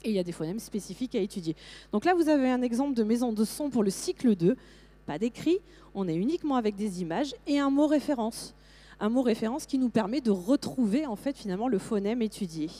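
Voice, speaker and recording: Lively woman giving a conference talk. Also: on the high side, fast. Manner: lively, many fillers and restarts. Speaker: teacher trainer presenting to teachers.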